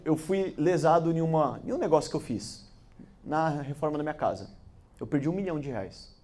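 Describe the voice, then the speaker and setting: A man with a Brazilian Portuguese accent giving a motivational business talk, telling stories lively, acting out dialogue and laughing along. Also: on the high side. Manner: animated, acts out dialogue, laughs through stories. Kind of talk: storytelling talk to an audience.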